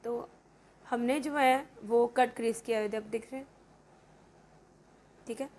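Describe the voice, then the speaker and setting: A woman's voice: a little high, steady tone, unhurried, a little mellow. A woman hosting a casual makeup tutorial, chatty and often checking in with "okay". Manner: chatty, repeats "theek hai" often. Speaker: makeup vlogger.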